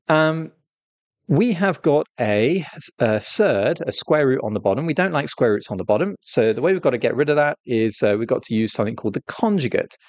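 A man tutoring exam math, walking through each step patiently and checking understanding with a quick "right?". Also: mid-range voice, no room sound. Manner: patient, explains step by step while drawing; stresses key points with "right?". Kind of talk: exam walkthrough lesson.

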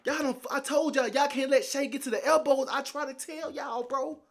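Hyped young dude reacting to hoops highlights, high voice, cussing a lot, talking to chat. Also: male voice, normal speed. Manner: excitable, profane, talks straight to viewers. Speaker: basketball reaction streamer. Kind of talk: casual reaction commentary.

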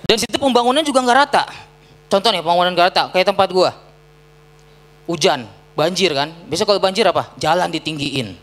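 A young man from Bekasi doing a deadpan stand-up set on an auditorium stage, with punchy set-ups and acted-out quotes. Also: high-pitched, a little fast, pauses often. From Bekasi, Indonesia. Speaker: stand-up comedian.

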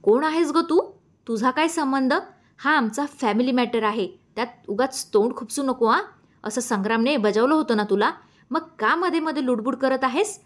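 A woman's voice: on the high side, natural voice. A woman reading a story aloud, voicing a scornful, scheming middle-aged woman who speaks sharply and in a hurry. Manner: sharp, mocking and hurried. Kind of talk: audiobook character voice.

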